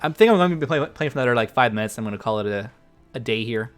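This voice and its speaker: A man's voice: medium pitch, animated, rapid-fire, smooth, soft background music. Rambling male game streamer. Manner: rambling, full of fillers. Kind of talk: casual live-stream chat.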